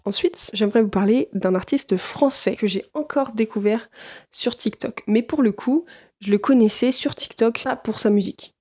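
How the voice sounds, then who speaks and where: A young woman talks through her favourite recent songs in a loose, slangy vlog manner, often checking in with her viewers. Her voice is soft and mellow, never sharp. Faint music sits behind her. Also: a little high, normal speed. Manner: chatty and slangy, with asides to viewers. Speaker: music vlogger. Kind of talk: casual chat.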